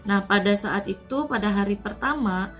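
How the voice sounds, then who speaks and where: Soft-spoken Indonesian woman telling her story. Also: medium pitch, normal speed, soft background music. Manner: soft, earnest, often trailing off with "gitu". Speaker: Indonesian migrant worker sharing her COVID recovery. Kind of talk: casual personal storytelling. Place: at home.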